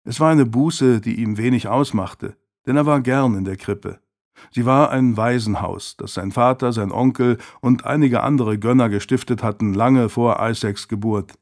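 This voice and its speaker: A man calmly narrating a historical novel as an audiobook. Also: mid-range voice, moderate pace. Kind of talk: scripted narration.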